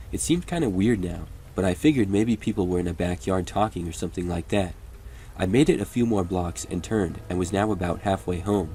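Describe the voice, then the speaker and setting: A man reading first-person horror stories as a steady, measured scripted narration. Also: low voice, a little hiss or hum.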